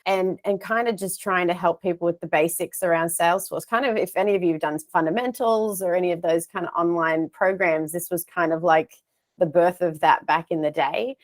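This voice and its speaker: A woman's voice: fairly low pitch, steady tone, fairly quick. An Australian woman in her thirties, telling her career story in a chatty, self-deprecating way over an earphone mic on a video call from a home office. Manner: chatty, self-deprecating, gestures while talking. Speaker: guest speaker. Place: home office with shelves of plush toys.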